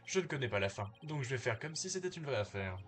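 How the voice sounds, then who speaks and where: A man reading aloud as a smooth, teasing young male prosecutor from a video game. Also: medium pitch, sing-song, quick pace, fairly bright tone, soft background music. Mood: smug.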